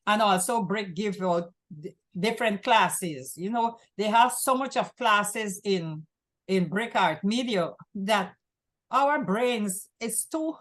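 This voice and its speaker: A woman from Guyana hosting a community access talk show, talking in long rambling runs and often repeating herself. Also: mid-range voice. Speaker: host.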